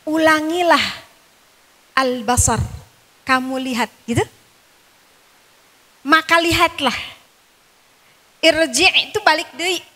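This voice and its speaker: A woman with a Sundanese accent teaching a Quran study class, quizzing the women listening with questions and chanting Arabic verses slowly. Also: high voice, sharp tone. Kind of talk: religious study lecture. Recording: long reverb, echoing hall.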